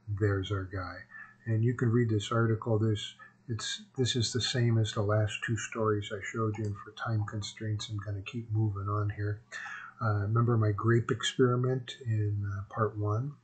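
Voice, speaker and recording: The audio is poor as a man with a lowish, breathy voice hosts his homemade explainer series. His casual, rambling narration, partly read aloud, is slurred because he is missing teeth.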